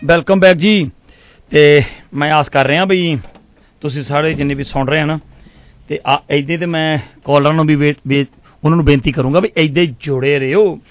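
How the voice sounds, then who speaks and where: High-pitched effusive Punjabi radio host, male. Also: fairly even intonation, normal speed, dull audio, soft background music. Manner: effusive, repeats phrases. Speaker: radio call-in show host. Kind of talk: live music request show chat with sponsor reads.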